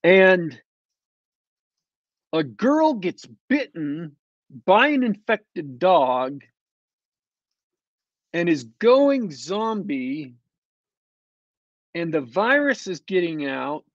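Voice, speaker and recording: Man, podcast host, sarcastic rambling review, unhurried delivery, dry close sound. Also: high-pitched, dry recording. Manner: sarcastic, digressive, with many fillers and restarts. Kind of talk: casual spoken review. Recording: slightly dull, dry lo-fi sound.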